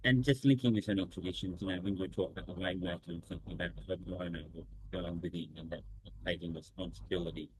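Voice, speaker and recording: A man's voice: low-pitched, steady tone, breathy edge. A man sharing reflectively in an online group call, his voice distorted and clipping through a poor microphone. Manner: thoughtful, halting, with many fillers. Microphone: laptop or device mic on a video call. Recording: distorted noisy call audio.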